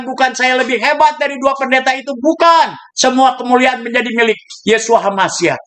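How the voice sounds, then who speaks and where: A man pastor preaching a sermon, telling stories in a lively way and mixing in English words. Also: very high-pitched.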